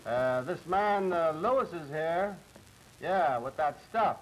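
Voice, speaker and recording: A man's voice: fairly high pitch, expressive, takes it slowly, slight background noise, rough recording. An actor playing an obliging male fence who casually arranges deals over the phone. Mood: businesslike. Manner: easygoing, casual, talks business on the phone. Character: smooth male fence, obliging gangland fixer.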